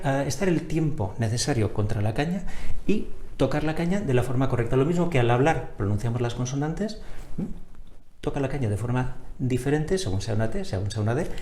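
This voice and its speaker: A man's voice: mid-range voice, mellow. A man teaching a wind instrument lesson, explaining articulation and singing syllables like "ta" and "da" to show it, often checking in with a short "mm?". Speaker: music teacher. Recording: roomy echo, faint noise.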